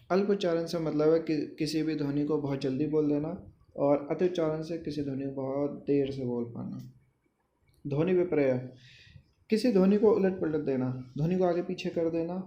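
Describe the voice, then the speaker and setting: A man lecturing in a slightly high, mellow voice, taking his time over each example word. The room around him is echoey, with a faint hum of ambience behind. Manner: slow, deliberate explaining with example words. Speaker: teacher. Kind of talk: lecture on pronunciation.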